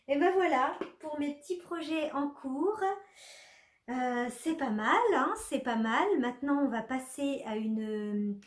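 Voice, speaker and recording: A woman's voice: high voice, reverberant. A young woman talking casually about her knitting projects, chatty and full of little fillers and restarts. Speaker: knitting podcaster. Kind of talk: casual knitting vlog chat.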